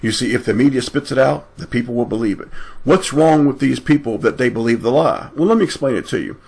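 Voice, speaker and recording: A man preaching online with fervent delivery, swinging between loud emphatic passages and low intimate asides. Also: lively intonation, quick pace, gravelly, breathy edge. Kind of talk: impassioned preaching.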